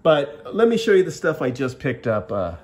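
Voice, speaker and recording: A middle-aged man with a mid-range, darkish voice swings widely in pitch at normal speed, with a bit of hiss or hum on the audio. He's reviewing a product at a table indoors, camera on the tabletop, rambling casually and plainly while often restarting sentences.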